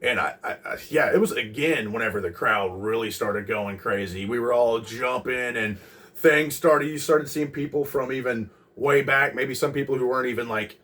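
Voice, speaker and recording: A man in his twenties casually recalling a concert as host of a music channel, rambling with many pauses and restarts. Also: medium pitch, pushed and bright, far from the mic. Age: 20s. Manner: rambling, lots of ums and restarts.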